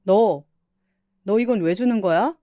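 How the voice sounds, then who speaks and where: A woman voicing an indignant older mother-in-law who scolds with shrill exclaiming outbursts. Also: unhurried, dark tone, no room sound, clean studio sound, close to an everyday voice. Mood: frantic.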